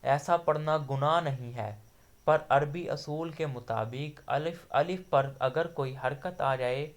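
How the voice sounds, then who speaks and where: A man teaching a recitation lesson, patiently explaining and slowly sounding out example syllables. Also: on the high side. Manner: patient, repeats letters slowly with drawn-out demonstration syllables. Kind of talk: online tajweed lesson.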